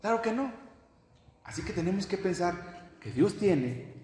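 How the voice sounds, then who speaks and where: A man's voice: sits high, very animated, a little slow, a little mellow. A man preaching a sermon as pastor, emphatic and calling out "hermano" to his listeners. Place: church hall. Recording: echoey church hall, faint noise.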